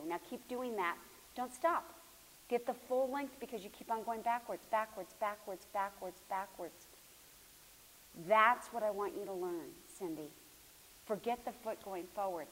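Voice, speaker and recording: A woman's voice: mid-range voice, normal speed, fairly bright tone. Woman coaching a floor movement class. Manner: coaching, encouraging, calls students by name; drops to a near whisper at times. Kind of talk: live class instruction. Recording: hissy recording in a reverberant hall.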